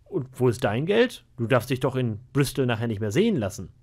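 A man's voice: medium pitch, sing-song, a little fast, a little mellow. A man voicing an earnest young sailor who presses his questions. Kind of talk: audiobook character voice.

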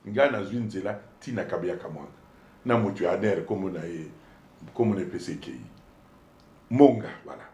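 A man with a Congolese accent, a politician being interviewed, telling his story in an animated, emphatic way and switching between two languages. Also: sits low, normal speed, long pauses. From Democratic Republic of the Congo. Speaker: politician guest. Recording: echoey room.

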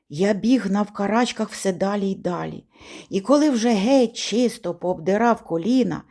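A woman's voice: medium pitch, warm tone. A woman reading a children's novel aloud in the first person of a boy, vividly and expressively. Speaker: audiobook reader. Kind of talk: storybook narration.

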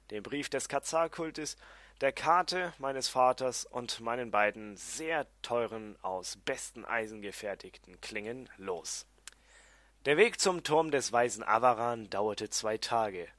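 A man's voice: mid-range voice, a bit bright, no echo. A man reading his own first-person fantasy story as an audiobook, with uneven delivery and some restarts. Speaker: amateur audiobook reader.

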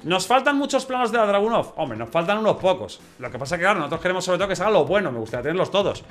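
Man, high voice, casual gameplay commentary, chatty and excitable, faint background music. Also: very fast. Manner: chatty, says 'vale' and 'ojo' often, excitable outbursts. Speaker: gameplay channel host.

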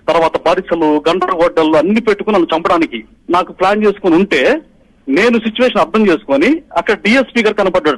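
A middle-aged polling agent for a party calls in from Andhra Pradesh, his high, fairly bright voice coming through poor phone audio. He urgently and forcefully recounts events to the media.

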